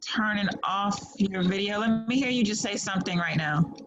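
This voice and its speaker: A woman teaching an online class over a video call patiently encourages her students and works through audio problems. Her voice is mid-range and her pace moderate. The call audio sounds slightly muffled, with faint noise.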